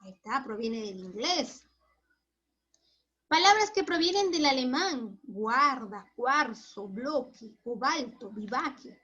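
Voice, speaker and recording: A woman's voice: high voice, expressive, slow pace, bright, forceful tone. A woman teacher giving a chatty recorded lesson, asking herself questions and answering them. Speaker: school teacher. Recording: dull lo-fi recording.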